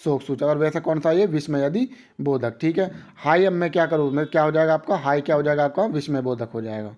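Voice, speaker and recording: A man's voice: on the high side, brisk, a little mellow. A man teaching an exam-prep grammar lesson, drilling students with repeated rhetorical questions.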